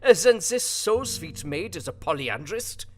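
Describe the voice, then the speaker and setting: An actor playing a philosophical, grieving older foreign professor in an audio drama, speaking dramatically in broken English. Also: male voice, sits high, very animated, measured pace. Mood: wry. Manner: broken non-native English syntax, dramatic sighing delivery. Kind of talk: theatrical audio drama acting. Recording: music behind the voice.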